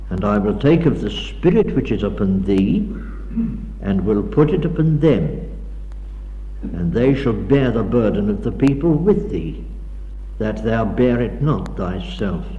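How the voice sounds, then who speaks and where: On an old 1960s tape, a man reads scripture in a slow, mellow voice that swings widely in pitch as he declaims. The sound is dull and echoes with a long hall reverb. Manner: dramatic, declaiming reading of scripture. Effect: old 1960s tape recording. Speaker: preacher. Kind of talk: sermon with scripture reading. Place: lecture hall.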